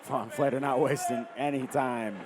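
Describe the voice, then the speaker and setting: A man's voice: medium pitch, fairly even intonation, moderate pace. A man giving brief colour commentary on a live fight as co-commentator. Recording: noisy live venue ambience.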